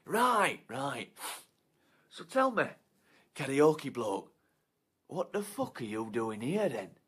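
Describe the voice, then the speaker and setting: An actor playing a foul-mouthed, menacing man obsessed with his disco night, swinging from hushed whispers to shouts. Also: mid-range voice, very animated, slow, husky, heavily acted. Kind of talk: short film monologue.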